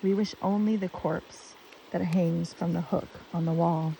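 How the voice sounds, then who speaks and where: A storyteller voicing two sexless creatures made of dirt who calmly refuse every gift. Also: medium pitch, measured pace, vocal fry. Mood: insistent. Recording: distant mic with stream noise.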